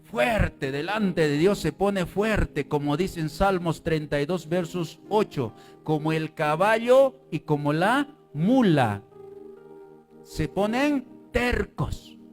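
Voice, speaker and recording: A male pastor preaching a fervent sermon, breaking into shouts and calling on the congregation to repeat words after him. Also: sits high, expressive, takes it slowly, faint music behind.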